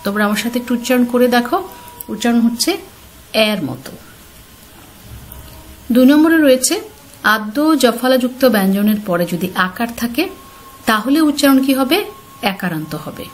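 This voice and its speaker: Patient woman teacher, higher voice. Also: lively intonation, moderate pace, pauses often, a little hiss or hum. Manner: clear, patient, addresses students directly with questions. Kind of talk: slide-based pronunciation lesson.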